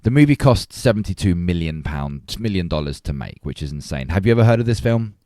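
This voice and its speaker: A man's voice: sits low, sing-song, a little fast, darkish tone, no echo, clean studio sound. A man co-hosting a podcast, arguing his point in earnest with frequent restarts. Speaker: podcast co-host. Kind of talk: casual debate chat.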